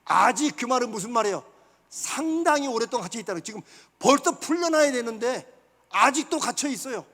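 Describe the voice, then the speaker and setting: A man with a strikingly high voice delivers a sermon in a church sanctuary. He keeps putting questions to his listeners and then answers them himself. Long reverb from the hall trails after each phrase. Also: lively intonation, fairly quick, a bit bright. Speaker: pastor.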